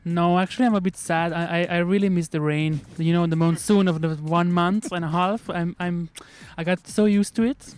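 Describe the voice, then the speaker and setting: A man chats as a guest on a relaxed podcast recorded outside. He talks hesitantly and often repeats words as he looks for them, in a fairly high voice that sounds smooth and clear. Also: moderate pace, hardly any pauses. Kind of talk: casual podcast chat. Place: outdoors in the sun.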